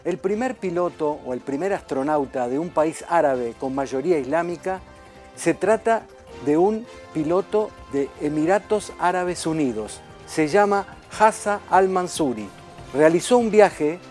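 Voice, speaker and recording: A man reads news as a TV columnist, in a somewhat high-pitched voice. His delivery is measured and scripted, and faint music plays beneath him. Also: lively intonation, a little mellow. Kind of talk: news reading.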